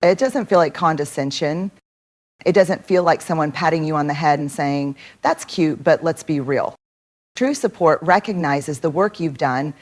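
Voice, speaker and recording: A woman giving a motivational speech, measured and emphatic, building her points through repetition. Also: deep voice. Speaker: motivational speaker.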